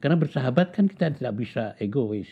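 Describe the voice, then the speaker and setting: An older man in his seventies recalls his life in an interview, speaking with a slightly husky, breathy voice. He talks at an unhurried pace, pausing and repeating words to stress a point. The sound is thin and tinny, as if heard through a phone. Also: mid-range voice, lively intonation. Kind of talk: reflective storytelling in conversation.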